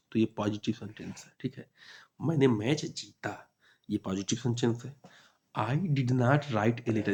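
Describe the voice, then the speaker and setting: A man's voice: mid-range voice, a little mellow. Hindi-speaking man teaching exam grammar. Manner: reads English questions slowly, then explains in Hindi with frequent "ठीक है". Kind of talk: exam-prep grammar lesson.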